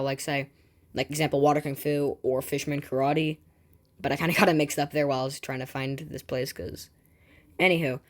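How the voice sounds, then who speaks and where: A woman hosting a gaming channel, reading game news aloud and breaking off into rambling, excitable asides full of restarts and filler words. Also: deep voice. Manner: excitable, jumps between reading and personal asides.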